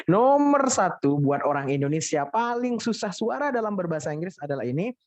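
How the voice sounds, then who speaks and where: A man's voice: sits high, big pitch swings, fairly quick, faint music behind. A man teaching English pronunciation in a playful, teasing way, drilling students and exclaiming at their mistakes in an online class. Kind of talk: teasing casual class instruction.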